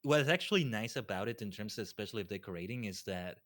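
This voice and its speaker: On a livestream, a guest streamer with a somewhat low, slightly bright voice talks casually and fast. His intonation is lively, and he rambles along, frequently doubling back to repeat a phrase.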